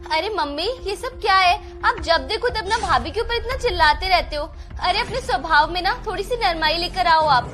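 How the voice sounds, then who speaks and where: A young woman plays a grown daughter calmly talking her mother round in a home drama, pleading and patient. Her voice is very high, with faint music behind it. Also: moderate pace, hardly any pauses. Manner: pleading, reasoning, gently scolding. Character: married daughter defending her sister-in-law. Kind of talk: family drama acting.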